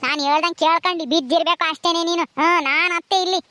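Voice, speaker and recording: A woman's voice: very high voice, fairly even intonation, rapid-fire, no room sound. Woman doing a drunk bossy mother-in-law. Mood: defiant. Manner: shouting, taunting, slurred bluster. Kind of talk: village comedy skit.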